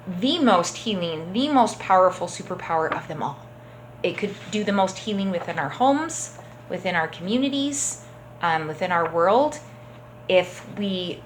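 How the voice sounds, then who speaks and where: A woman teaching a children's church class, telling a story gently and often checking in with the kids. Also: mid-range voice, slight background noise, poor audio. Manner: gentle, encouraging, checks in with "okay?".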